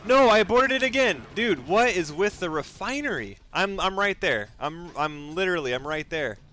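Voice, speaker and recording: This video game streamer and speedrunner narrates his own moves during live speedrun commentary, repeating phrases and using mild exclamations in place of swear words. His voice is high-pitched and sharp-toned, animated, and delivered at a normal speed.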